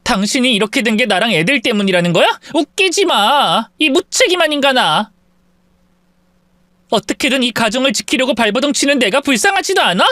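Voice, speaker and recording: A fed-up wife and mother scolds with indignant fury, as a man puts her on. Her voice sits high and rises and falls sharply. The recording is dry and close. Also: sing-song, normal speed, long pauses, fairly bright tone, no echo, exaggerated voice. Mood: desperate. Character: furious, exhausted young mother and wife.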